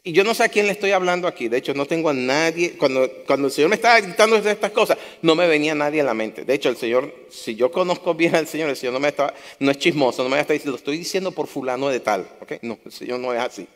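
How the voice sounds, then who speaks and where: A man's voice: a little high, lively intonation, fast talker, few pauses, fairly bright tone. A man preaching a sermon to his congregation, impassioned, repeating phrases for emphasis. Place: church hall. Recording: long hall reverb.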